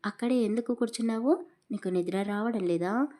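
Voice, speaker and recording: A woman doing a gentle young husband. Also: fairly high pitch, fairly quick, lightly acted. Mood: tender. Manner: soft, reassuring.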